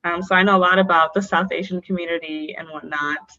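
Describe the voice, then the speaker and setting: This podcast guest, a young North Dakotan woman born in Bangladesh, speaks fast and forcefully in a bright, fairly low voice with fairly even intonation. She answers candidly and openly, leaning on fillers like "um" and "like," though the recording is muffled.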